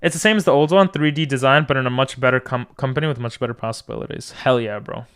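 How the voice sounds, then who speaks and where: A man's voice: mid-range voice, fast talker, fairly bright tone, smooth. A man streaming a video game, chatting casually and drifting between asides as he talks to viewers. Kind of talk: casual livestream gaming chat.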